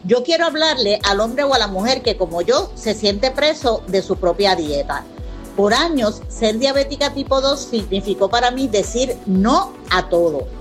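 A woman's voice: a little high, lively intonation, moderate pace, soft background music. Earnest woman in her sixties from Puerto Rico. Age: 60s. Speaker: customer testimonial. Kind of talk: scripted testimonial.

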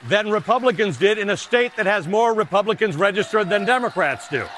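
The middle-aged anchor from Canada is animated and brisk as he drives home political commentary and a personal essay, heavy background noise behind him. Personal asides come in a lower voice.

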